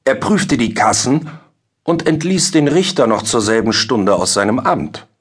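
A man voicing a two-faced court clerk who feigns concern while quietly gloating. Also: medium pitch, measured pace, breathy edge. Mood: self-important. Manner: mock-concerned, needling.

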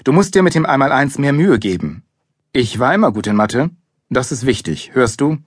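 A man's voice: mid-range voice, very animated, normal speed, husky, no room sound, clean studio sound. A man voicing a strict, impatient father who scolds his son. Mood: scolding. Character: annoyed strict father, middle-aged man.

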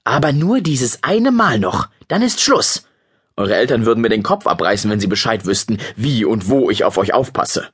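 A man's voice: on the low side, very animated, moderate pace, fairly bright tone, husky, heavily acted. A man playing an easygoing young agent in his twenties, hesitant with fillers.

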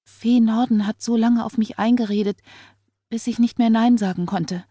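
A woman's voice: on the high side, steady tone, normal speed, warm tone, no echo, studio quality, voice pushed up, lightly acted. A woman reader voicing a timid, frightened young wife who pleads anxiously. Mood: pleading.

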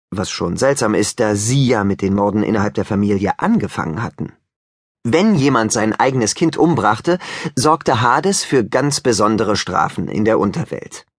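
A man's voice: mid-range voice, no echo, studio quality. A man narrating a children's audiobook with wry, joking asides to the listeners.

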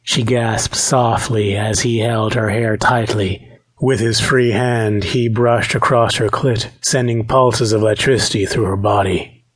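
A man narrates an audiobook in a steady, measured reading. His voice sits low in pitch and carries a husky grain. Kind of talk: scripted narration.

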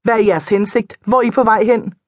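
A woman reading an audiobook, voicing a flustered, excitable young woman. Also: on the high side, no echo, lightly acted. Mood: excited.

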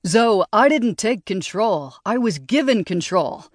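A woman's voice: medium pitch, animated, a little slow, no echo, studio quality, pitched above the performer's own voice. A woman voicing a condescending young male perfumer who needles his colleague. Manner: needling, patronizing.

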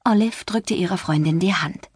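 A woman reading a novel aloud as audiobook narrator, lively and expressive, recorded close in a dry booth. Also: normal speed, slightly rough, dry recording. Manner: lively, voices the friends with light pitch shifts. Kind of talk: scripted narration. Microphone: close studio mic.

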